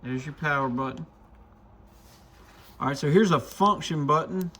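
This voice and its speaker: Tinkering with gear, this video host and radio shop reviewer thinks aloud informally during a relaxed product demo. He speaks at normal speed in a fairly high, bright voice with a forceful tone.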